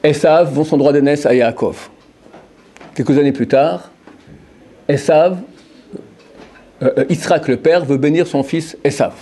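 A man's voice: on the high side, steady tone, unhurried, long pauses, mellow. A man giving a Torah lesson to a group of men, repeating phrases and putting questions to his listeners. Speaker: Torah teacher.

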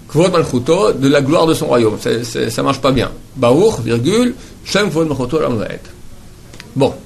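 Patient man teaching prayer pronunciation. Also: a little high. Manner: patient, repeats Hebrew words slowly to model pronunciation. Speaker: Torah teacher.

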